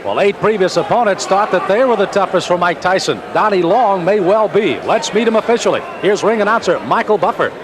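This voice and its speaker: A man's voice: high voice, expressive, brisk, hardly any pauses. An American man working as a sportscaster, giving live boxing commentary. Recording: broadcast over loud crowd and noise. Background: arena crowd.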